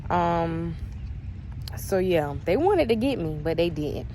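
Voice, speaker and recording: A woman's voice: lowish voice, big pitch swings, takes it slowly, mellow, a little hiss or hum. A young woman answering viewer questions in a candid, chatty story-time vlog. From United States.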